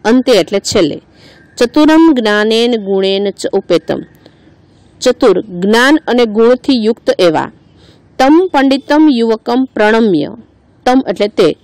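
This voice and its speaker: A woman's voice: fairly high pitch, lively intonation, unhurried, a little mellow, no echo, low-quality recording. A woman teacher with a Gujarati accent teaching a lesson. She reads each line aloud, then explains it word by word. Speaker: school teacher.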